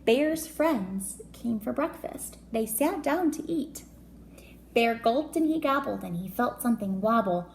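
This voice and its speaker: A teacher reads a storybook aloud to young children, her voice fairly high and gravelly at a measured pace. She is expressive and speaks directly to the kids, adding chatty asides, questions, and comments. The recording has an echoey room with faint background noise.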